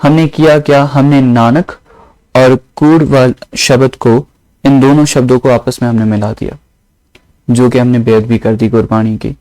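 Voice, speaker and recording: A man teaching a lesson on the grammar and pronunciation of scripture, explaining slowly and repeating each point in other words. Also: medium pitch, steady tone, dark tone, no echo, poor audio. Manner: slow, explanatory, repeats phrases with synonyms.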